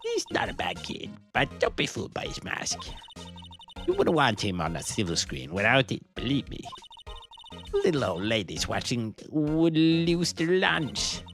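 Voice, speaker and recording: A bossy older security guard woman, as a man puts her on, barking and grumbling in a game fan dub. Her pitch leaps wildly from shrill squawks down to low growls. Faint music plays underneath. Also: huge pitch swings, unhurried. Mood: gossipy. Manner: scolding, rambling, shrill. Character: cranky older female studio security guard.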